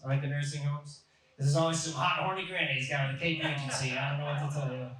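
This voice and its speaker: A young adult man performing a stand-up comedy set in a comedy club, telling deadpan, self-mocking jokes. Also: on the high side, recorded from a distance. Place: comedy club stage, audience laughing. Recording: echoey club, mic heard from afar.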